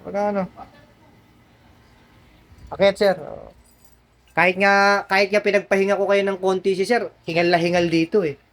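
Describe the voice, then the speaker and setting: A man's voice: high-pitched, level tone, normal speed, pauses often, fairly bright tone. A man working as a spiritual healer, coaxing and reassuring his patients indoors and repeating himself as he explains. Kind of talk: explaining to patients during a healing session.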